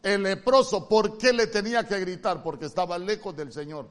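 Man, pastor, Honduran accent, sermon, fairly high voice, loud-to-soft dynamic preaching. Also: moderate pace. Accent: Honduran Spanish. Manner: swings from loud emphatic calls to soft near-whispered lines.

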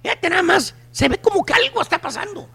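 A man's voice: very high-pitched, very animated, quick pace, gravelly, sharp tone. A man with a Mexican accent hosting a radio show, telling a comedic story in a slangy, teasing, emphatic way. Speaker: radio host.

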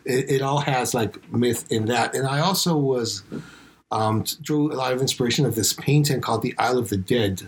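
Guy chatting about his music video, animated, does little voices in his stories, mid pitch. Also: normal speed, slight background noise. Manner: animated storyteller, acts out quotes. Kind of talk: casual chat.

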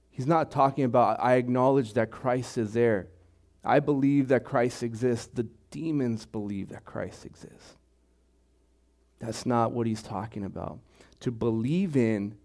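A man preaching a sermon, unhurried and deliberate, often repeating his phrases. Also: mid-range voice, a little mellow. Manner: slow, deliberate preaching with repetitions. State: throat clearing, choked up. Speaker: pastor.

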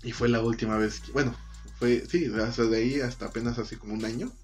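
A man's voice: mid-range voice, a little fast. Man, Mexican accent, young adult, slangy, profane, casual chat, faint music behind. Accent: Mexican Spanish. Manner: profane, slangy, animated retelling with acted quotes.

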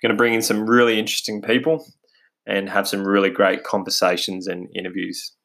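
This podcast host, a middle-aged Australian, talks fairly quickly in a lowish, creaky voice with a flat delivery and a fairly bright tone. His monologue is casual and eager, packed with fillers and restarts. The audio comes from a basic-quality home podcast microphone.

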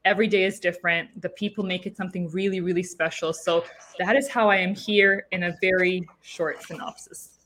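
A woman in her thirties from Serbia, a car saleswoman, tells her story as a guest in a casual podcast interview. Her fairly low voice is steady, fairly bright, and a little fast. She's chatty, with many fillers and restarts.

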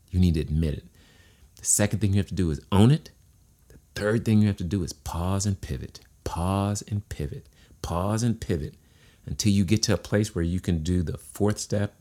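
Deep-voiced man giving a motivational talk. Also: mellow. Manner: preachy, repeats key phrases, asks rhetorical questions. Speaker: motivational speaker. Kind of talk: motivational monologue.

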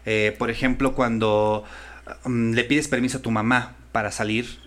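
A man's voice: medium pitch, steady tone, normal speed, a bit bright. A man, a voice-over artist and voice coach, chatting thoughtfully and restarting often as he searches for words. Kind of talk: casual conversation.

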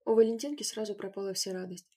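A woman narrating a storybook with an expressive reading that gives each character its own voice. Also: mid-range voice, fast, husky. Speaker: audiobook narrator.

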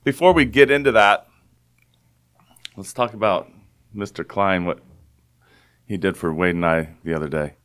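Hosting a podcast, a man chats easily in a low, clean-toned voice at normal speed, leaving long pauses. He sounds relaxed and talkative, though still a bit groggy from the early morning.

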